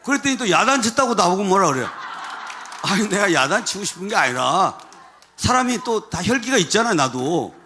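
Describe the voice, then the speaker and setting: Lawyer telling a grievance, high and lively. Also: male voice, fairly quick, slight background noise. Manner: lively, chuckles often, rambling asides. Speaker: lawyer speaking at a church rally. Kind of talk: animated storytelling speech to a crowd.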